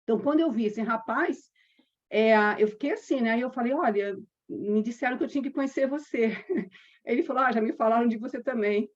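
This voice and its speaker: Brazilian yoga teacher lady, kinda high voice, chatty storytelling, dull lo-fi sound. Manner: lively anecdotal telling with quoted dialogue and slow chanted mantras. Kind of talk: personal storytelling with mantra chanting.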